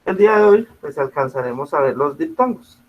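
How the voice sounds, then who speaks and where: A man's voice: on the high side, lively intonation, brisk. A male teacher giving an online class, explaining patiently and checking often that students follow. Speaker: school teacher. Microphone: video call. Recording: muffled video-call audio.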